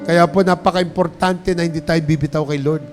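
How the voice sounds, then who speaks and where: High-voiced man preaching, call-and-response. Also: steady tone, a little fast, soft background music. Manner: mixes English phrases into his talk. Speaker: pastor. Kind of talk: sermon.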